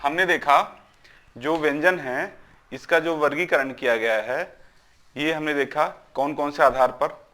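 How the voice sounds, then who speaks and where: A male teacher with a voice pitched a little above the usual for a man. He runs a classroom grammar lesson, answering his own questions and sounding out syllable after syllable. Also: measured pace, a bit bright. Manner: asks questions and answers them himself, drills syllables aloud; repeats checks like "is it not?".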